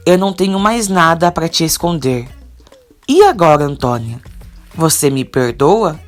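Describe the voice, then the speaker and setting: Woman reading soap opera young man, lovesick, earnest, slow, lively pitch. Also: faint music behind.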